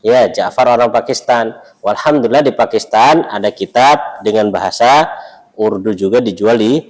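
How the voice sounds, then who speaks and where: A man with an Indonesian accent teaching an Arabic lesson to a mosque class, explaining in a relaxed, chatty way with asides. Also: on the low side, moderate pace, rough recording.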